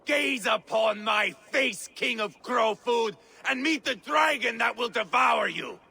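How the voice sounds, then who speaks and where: An actor playing a bloodthirsty Viking war leader in a video game, barking taunts and orders like an angry mob leader with a gravelly voice. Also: male voice, very high voice, unhurried, full character voice. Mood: menacing, commanding. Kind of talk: video game battle acting. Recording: loud battle noise over the voice.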